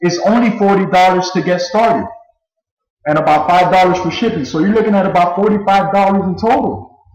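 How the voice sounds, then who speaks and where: A man in his twenties giving a screen-recorded sales pitch, pushy and boastful, repeating himself a lot. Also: fairly quick, a little mellow, roomy sound, poor audio. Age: 20s. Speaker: network marketing recruiter.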